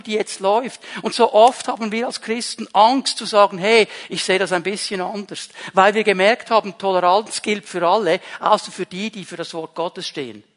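A man's voice: sits high, a bit bright, long reverb tail. A man with a Swiss German accent, preaching a sermon as pastor, emphatic and repeating key phrases. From Switzerland.

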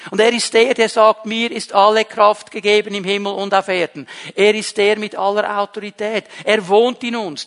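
Swiss guy preaching, high voice, emphatic, lots of repeats, big hall echo. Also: a bit bright. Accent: Swiss German. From Switzerland. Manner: emphatic, repeats key phrases. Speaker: pastor. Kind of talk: sermon.

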